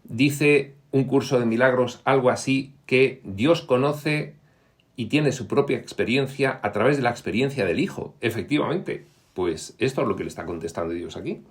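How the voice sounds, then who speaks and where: A man giving a reflective explanatory talk on spiritual teachings, pausing often with fillers and reading quoted passages in a raised, livelier voice. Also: mid-range voice. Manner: reflective, pauses with frequent fillers.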